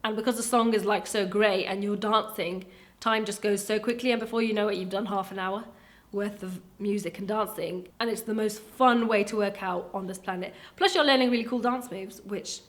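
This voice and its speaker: Answering questions in a casual vlog, a young woman from Wales talks in a medium-pitched voice at a moderate pace, lively and chatty, and she puts on voices as she tells her stories.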